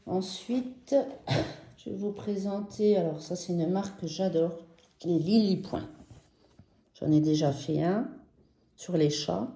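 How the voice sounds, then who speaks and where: French woman vlogger, unhurried, very dark mellow tone, roomy echo. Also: on the low side. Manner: slow, gentle and enthusiastic, with many fillers. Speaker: embroidery vlogger. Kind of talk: casual show-and-tell vlog.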